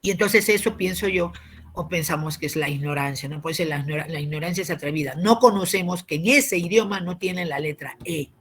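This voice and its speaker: A man, giving a civics lesson as a teacher. He explains patiently, often tags his points with a question and clears his throat. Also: on the high side, brisk, a bit bright.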